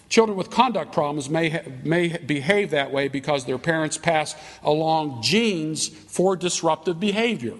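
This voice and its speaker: A man teaching a Bible study, retelling an old film at length with frequent restarts. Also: fairly high pitch. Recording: reverberant hall.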